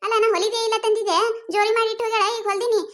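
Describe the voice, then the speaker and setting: A performer voicing a proud village tailor woman with a North Karnataka accent who snaps back quickly in a cartoon comedy. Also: extremely high pitch, fairly even intonation, fairly bright tone. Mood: defensive. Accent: North Karnataka Kannada. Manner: defensive, quick retorts.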